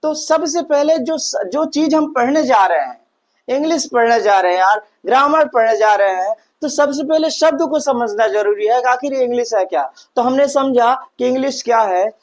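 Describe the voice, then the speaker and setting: A man's voice: extremely high pitch, expressive, normal speed. A man teaching English grammar in Hindi. He repeats phrases, asks rhetorical questions and dictates definitions word by word. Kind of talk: Hindi classroom-style lesson, slow and repetitive.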